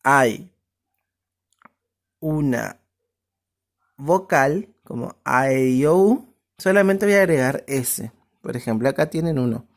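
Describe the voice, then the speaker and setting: Slow, low-voiced woman teacher. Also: lively intonation, gravelly. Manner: explains step by step, often checks with "¿sí?". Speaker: English teacher. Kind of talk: recorded online class.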